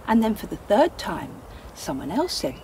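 Animated woman telling a children's Bible story. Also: mid-range voice, normal speed, slight background noise, poor audio. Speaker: children's church leader.

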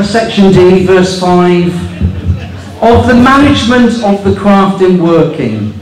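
A man in his fifties doing stand-up on a small club stage, reading rules aloud in a mocking, incredulous way and swearing for laughs. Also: high-pitched. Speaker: stand-up comedian. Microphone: handheld mic on stand. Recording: echoey room recorded from far off.

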